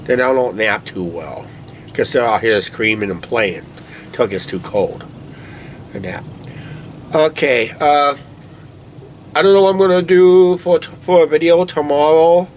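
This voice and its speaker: This vlog co-host's voice sits a little high, and he speaks at a measured pace with long pauses. Nasally blocked, he rambles over a beer outdoors by a shed at night into a tripod camera, leaning on "uh, basically." A little hiss or hum can be heard.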